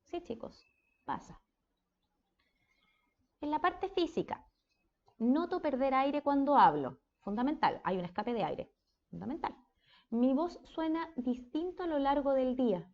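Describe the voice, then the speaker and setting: Woman, Chilean accent, speech therapy lecturer, casual and chatty, slightly high voice, muffled recording. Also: very animated, a little slow, pauses often, darkish tone. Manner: conversational, checks in with frequent "¿ya?".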